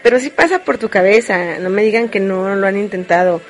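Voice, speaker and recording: A woman's voice: medium pitch, a little fast, a little hiss or hum. A woman with a Mexican accent chatting casually and frankly to live viewers, joking as she rambles through her confessions. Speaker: streamer.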